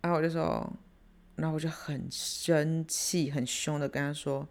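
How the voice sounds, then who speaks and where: Animated Taiwanese woman podcast host. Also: sits low, normal speed. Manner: animated retelling, switching into Taiwanese Hokkien. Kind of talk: casual storytelling podcast.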